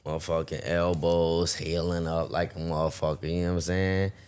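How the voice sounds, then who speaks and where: A man with a very low voice tells a story on a podcast, cursing freely and getting animated as he acts out the other people. His voice sounds a bit worn, as if he is losing it. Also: normal speed, clear, resonant tone. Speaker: podcast host. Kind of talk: casual storytelling chat.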